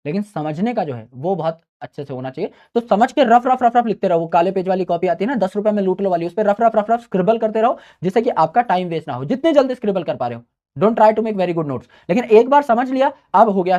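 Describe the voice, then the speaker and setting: Speaking quickly in a high, animated voice with a warm tone, this man offers exam students laid-back advice, though the highs of the recording are cut off. He chats away, slips English phrases into his Hindi, and addresses everyone as "brother".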